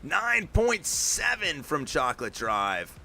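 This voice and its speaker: A man hosting a live stream, calling play-by-play commentary with energetic hype and talking straight to his chat. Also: fairly high pitch, slow, creaky, faint music behind. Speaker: stream host and announcer.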